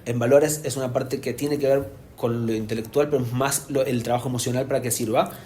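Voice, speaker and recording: Un hombre con acento que da una clase en vivo a padres como rabino, explicando con ánimo y preguntando a menudo si se entiende. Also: male voice, medium pitch, fairly quick, slight background noise. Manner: animated, explanatory, asks "¿se entiende?" often. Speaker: rabbi teaching parents. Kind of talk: live lecture to an audience. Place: community hall with an audience.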